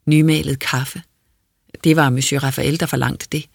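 Audiobook narrator, first-person, measured, introspective, husky, dry close recording. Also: medium pitch, level tone, no echo.

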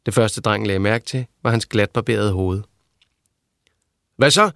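A man narrating a novel in a steady, even reading voice. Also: on the low side, gravelly, no room sound, studio quality. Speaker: audiobook narrator. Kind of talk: scripted narration.

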